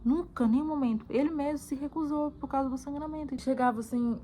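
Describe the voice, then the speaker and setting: A woman's voice: sits high, quick pace, dark tone, slight background noise, low-quality recording. A woman from Brazil recounting a painful personal experience to her viewers, repeating words often and calling out to them directly. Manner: repetitive, emotional, addresses viewers as "gente". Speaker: mother sharing her story. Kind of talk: emotional personal testimony.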